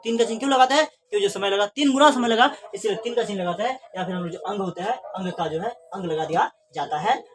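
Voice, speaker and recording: A woman's voice: medium pitch, fast, hardly any pauses, over music. A woman teaching a grammar lesson to students, asking questions aloud and answering them herself.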